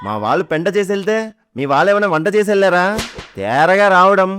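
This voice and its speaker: A man's voice: high voice, expressive, quick pace, a bit bright, clean tone. A man voicing a sarcastic cartoon husband. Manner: sarcastic, teasing retorts. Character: bickering middle-class husband, teasing. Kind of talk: cartoon comedy voice acting. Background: background music.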